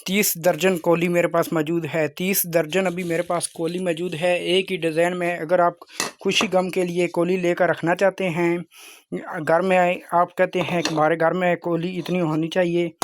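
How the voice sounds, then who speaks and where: A man hosting an informal video sales pitch, insistent and repetitive like a salesman. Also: slight background noise. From Pakistan. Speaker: YouTube channel host selling crockery.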